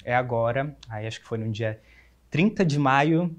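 A young man in his twenties with a Brazilian Portuguese accent, speaking as an interview guest. His voice sits at an ordinary middle pitch. He tells his story openly and earnestly, often stopping and restarting. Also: lively intonation, normal speed. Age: 20s. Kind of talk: candid personal interview.

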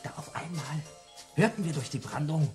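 A man's voice: a little high, expressive, normal speed, faint music behind, natural voice. An actor playing a cheeky young male student who eagerly tells friends a wild story, laughing and mimicking voices in a radio play. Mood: amused storytelling. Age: young adult. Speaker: schoolboy telling friends his adventure. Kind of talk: German radio play acting.

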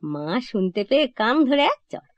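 A woman's voice: a little high, measured pace, dry recording. An actress performing a comic stage monologue as a chatty young divorced woman, confiding and correcting herself, on a dull lo-fi old recording. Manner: chatty, lively, self-correcting, confiding to listeners.

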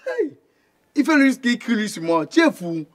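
An actor playing a confrontational eldest brother who mocks an intruder. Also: male voice, extremely high pitch, very animated, normal speed, a bit bright, exaggerated voice. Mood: mocking. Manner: mocking, confrontational. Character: protective young man, eldest brother of the family.

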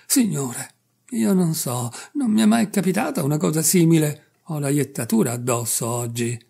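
A man reading aloud and voicing an anxious, apologetic middle-aged barber who keeps coaxing and pleading, in a husky, gravelly voice. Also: a little high, animated, moderate pace, warm tone, exaggerated voice. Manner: apologetic, wheedling, nervous.

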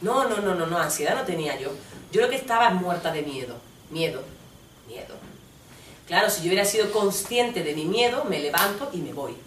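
A woman's voice: fairly low pitch, far from the mic, noisy background. Spanish-accented woman for a blunt, profane stage monologue, voicing several people, picked up from afar in a roomy theater. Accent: Spain Spanish. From Spain. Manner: animated, switches between voices of people in her story, blunt and profane. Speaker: stage performer.

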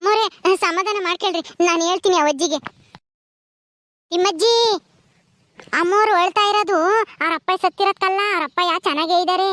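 A woman's voice: very high-pitched, brisk, pauses often, pushed and bright, dry recording. A woman voicing a young village servant girl who patiently explains things.

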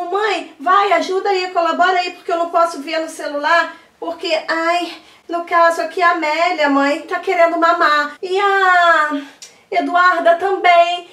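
A woman's voice: very high voice, bright, forceful tone. A woman playing a frazzled young mother in a pretend-play skit, pleading and exasperated. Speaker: channel host. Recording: echoey room, far from the mic.

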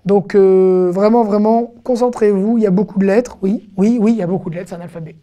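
A woman teaching an online language lesson, patiently explaining and repeating sounds slowly for learners. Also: mid-range voice, dark tone. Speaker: Hebrew teacher.

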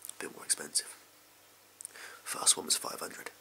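A man's voice: normal speed, pushed and bright. A young English man in a whispered role-play, playing a shady, amoral backstreet gun dealer with furtive, clipped, offhand sleazy salesman patter. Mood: furtive, selling. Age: young adult. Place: small indoor room at home. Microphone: close to the camera.

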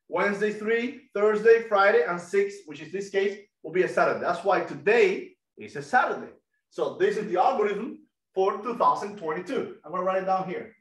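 A middle-aged man with a Cuban Spanish accent giving an energetic online math lesson and quizzing students over a video call headset. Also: high-pitched, reverberant, low-quality recording. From Cuba. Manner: energetic, asks students questions. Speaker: guest lecturer.

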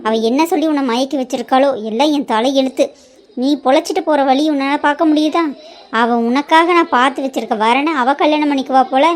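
A woman's voice: high-pitched, a little fast, lightly acted. Woman doing a cruel threatening stepmother. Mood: scornful. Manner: scolding, threatening, sneering. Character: harsh scheming stepmother, middle-aged woman. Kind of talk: cartoon voice acting.

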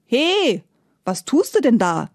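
A woman voicing a poor, hard-working male farmer who pleads and calls out in high, agitated questions. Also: big pitch swings, a little slow, warm tone, husky, no echo, clean studio sound. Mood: pleading.

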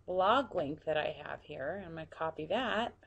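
A woman narrating a screen-recorded software tutorial, quietly talking through each step as she clicks. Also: sits low, animated, normal speed, gravelly, muffled recording. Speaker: tutorial presenter.

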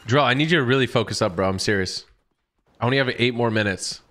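A man streaming a video game live, bantering with teammates in hyped gym-bro talk, excitable and prone to shouting. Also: medium pitch, fast talker, soft background music. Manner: gym-bro hype talk, calls everyone bro.

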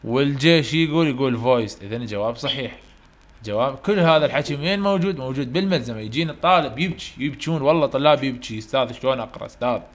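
A man's voice: mid-range voice, animated. Iraqi man teaching a phonetics lecture. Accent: Iraqi Arabic. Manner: explains in Arabic, reads English questions slowly and carefully; asks students questions and answers them himself. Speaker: university English teacher. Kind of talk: online lecture.

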